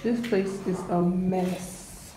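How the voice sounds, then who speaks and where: Speaking extremely slowly in a fairly low voice, a young Nigerian vlogger with a Nigerian accent chats to a handheld camera close to her face while touring a small, bare apartment. She thinks aloud in a relaxed, chatty way full of fillers, amid background noise, music and echo from the empty rooms.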